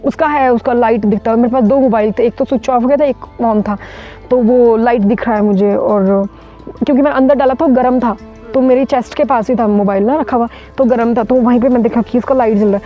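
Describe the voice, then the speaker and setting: A woman's voice: a little high, fairly even intonation, brisk. A woman from India, a mountaineer, recounting an ordeal in an interview with vivid, urgent retelling full of restarts. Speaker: mountaineer guest. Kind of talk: interview storytelling. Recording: dull lo-fi sound with faint music.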